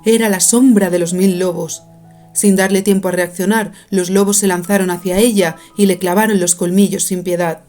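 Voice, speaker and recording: Woman audiobook narrator, mellow dark tone, soft music underneath. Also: medium pitch, fairly even intonation, moderate pace. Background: faint music.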